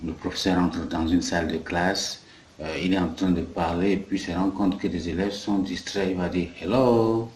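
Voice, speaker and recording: Brief: low-voiced male language teacher from Africa, patient and repetitive, echoey room, faint noise. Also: flat delivery, moderate pace, darkish tone. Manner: patient, repeats key phrases. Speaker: English teacher. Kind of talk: bilingual language lesson.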